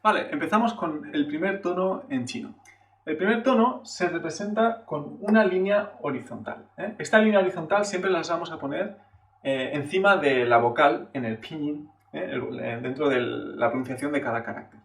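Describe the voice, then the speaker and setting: Teaching Chinese in a classroom-style video lesson, a man with a gravelly, slightly bright voice on the high side explains things patiently at a moderate pace. He frequently asks "eh?" to check in and exaggerates example syllables to demonstrate tones. His voice sounds distant in a roomy, echoing space.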